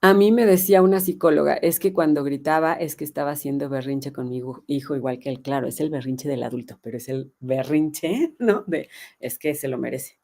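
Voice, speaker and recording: A woman's voice: sits low, brisk. Earnest woman coaching parents. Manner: earnest and emphatic, voices the inner child in soft asides. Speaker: parenting coach hosting a live session. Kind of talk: live-streamed parenting talk answering viewer comments.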